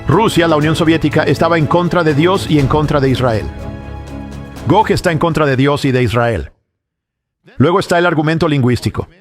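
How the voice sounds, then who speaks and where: A man delivering a sermon-style Bible lesson, his voice sitting a little higher than most men's. He reasons through each point in a measured, explanatory way. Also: music in the background. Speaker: Bible teacher. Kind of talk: sermon teaching on prophecy.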